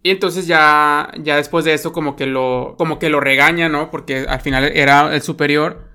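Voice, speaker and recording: A man's voice: a little high, steady tone, normal speed, pushed and bright, smooth. A man with a Mexican accent chatting casually about a film, rambling with lots of fillers and tag questions.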